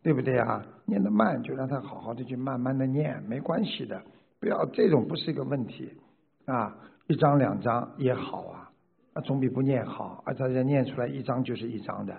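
Gravelly husky man lecturing emphatically. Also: medium pitch. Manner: emphatic, rhetorical questions, laughing asides. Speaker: spiritual teacher answering questions. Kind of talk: lecturing Q&A answers. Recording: tinny phone-like sound.

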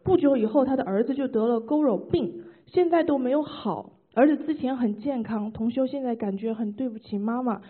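A woman with a slightly high voice reads questions on behalf of her temple. She is reverent and formulaic. The sound is thin and phone-like. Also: brisk, slightly rough. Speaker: temple representative asking questions. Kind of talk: formal question reading.

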